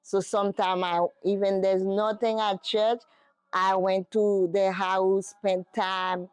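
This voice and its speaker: Slow, hesitant Haitian woman. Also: medium pitch, little pitch movement, clean tone, dry recording. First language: Haitian Creole and French. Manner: hesitant, searching for English words. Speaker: interviewee. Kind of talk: casual interview.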